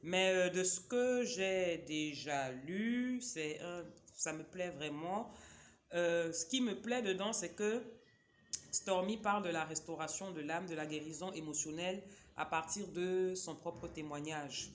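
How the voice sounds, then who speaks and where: Slight background noise sits under this woman's lowish voice as she talks at a measured pace. A chatty vlogger whose first language is a Cameroonian local language, she presents books casually, wandering off topic and addressing viewers directly.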